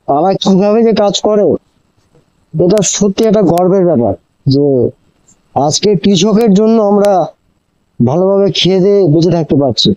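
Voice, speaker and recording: A man's voice: high voice, darkish tone, muffled recording. A man chats to viewers as a motorcycle vlogger, explaining and advising with repeated phrases, his voice enclosed inside a helmet. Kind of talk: casual riding vlog chat addressed to viewers. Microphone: moto vlogging helmet microphone.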